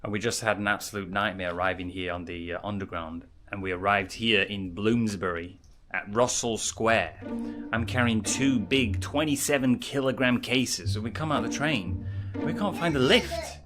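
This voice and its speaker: A man's voice: lowish voice, moderate pace, over music. A British man filming a travel vlog, complaining with exasperated, mocking remarks as he walks through a hotel and city streets. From United Kingdom. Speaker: vlogger.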